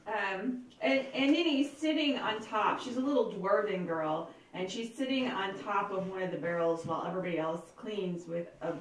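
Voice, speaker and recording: A woman's voice: mid-range voice, moderate pace, few pauses, a little hiss or hum. A woman narrating as game master in a chatty, laughing way with many fillers. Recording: echoey room, distant mic, faint ambience.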